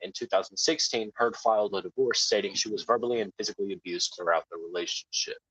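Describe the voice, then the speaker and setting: A man co-hosting a casual podcast, laid-back, reading haltingly from a web page. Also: lowish voice, a bit bright, slightly rough, no echo, poor audio. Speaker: podcast co-host.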